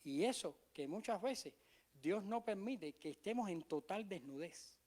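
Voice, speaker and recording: Cuban pastor, middle-aged man, high tenor voice, sermon delivery with emphatic repeats and quiet asides. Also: animated, measured pace. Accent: Cuban Spanish. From Cuba. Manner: emphatic preaching, drops to soft low asides, repeats key phrases.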